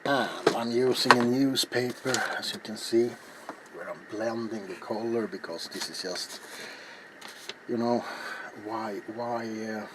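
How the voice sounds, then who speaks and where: In a small, cluttered indoor workshop with noisy ambience, a craft channel host demonstrates in a casual, hushed ASMR style. His slow, low voice rambles and halts, often repeating words.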